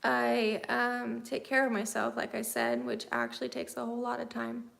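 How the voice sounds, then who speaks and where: A livestream host in her thirties chats easygoingly, reading viewer comments aloud and replying. Her voice sits on the high side with lively intonation, a fairly bright tone, and vocal fry, and she speaks at a moderate pace.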